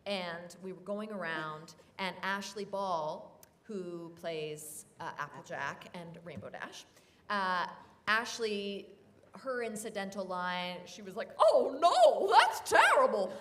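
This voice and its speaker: A woman's voice: lowish voice, slow pace, sharp tone, slight background noise. A woman voice actor telling a self-deprecating story on a convention panel.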